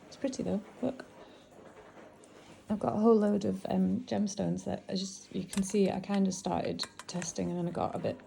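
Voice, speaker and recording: Middle-aged northern English woman sorting antiques on camera, chatty and fond of her finds, warm gravelly delivery. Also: mid-range voice, steady tone, moderate pace, a little hiss or hum, poor audio. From England. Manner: chatty, musing aloud, fond of the items. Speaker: antiques seller. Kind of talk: casual narration while sorting antiques.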